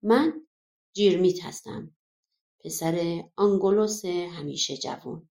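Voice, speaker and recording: A woman's voice: lowish voice, warm tone, close to an everyday voice. A woman voicing a bold young male warrior hero in an audiobook folk tale, speaking earnestly.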